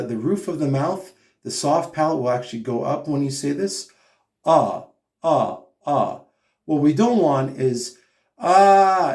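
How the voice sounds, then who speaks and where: A man's voice: medium pitch, dark tone, echoey room. A man teaching singing, giving patient step-by-step instruction with short hummed and sung examples. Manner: patient, explanatory, with sung demonstration notes. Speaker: vocal coach. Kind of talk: singing lesson, spoken instruction.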